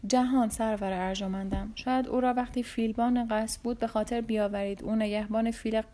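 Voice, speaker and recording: A woman's voice: fairly high pitch, steady tone, warm tone, natural voice. A woman voicing an aged male royal architect who answers humbly and apologetically. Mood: deferential. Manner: deferential, apologetic.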